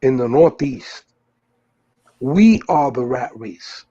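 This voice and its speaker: A man's voice: medium pitch, animated, slow pace, dull audio, a crowd in the background. A man from the US Northeast, the host, talking loosely in casual chat, full of fillers and restarts. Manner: rambling, many fillers and restarts.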